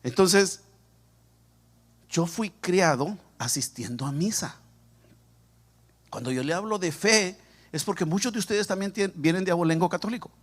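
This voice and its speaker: This pastor, a man from El Salvador, preaches in a church sanctuary with a high-sitting voice at normal speed, leaving long pauses. He tells his own story with humor and animation, addressing the congregation directly.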